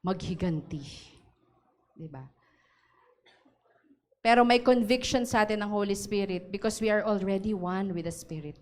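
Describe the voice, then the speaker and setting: A woman's voice: medium pitch, steady tone, moderate pace, pauses often. A woman pastor preaching a sermon to her congregation. She mixes Tagalog and English, keeps asking the room questions and laughs often. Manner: switches between Tagalog and English mid-sentence. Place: church service.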